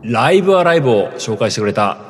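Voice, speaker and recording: A man hosts a casual show in an animated voice of average pitch. His talk is orderly, polite yet relaxed in wording. Music plays underneath. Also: fast talker. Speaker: main podcast host. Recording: music playing behind the talk.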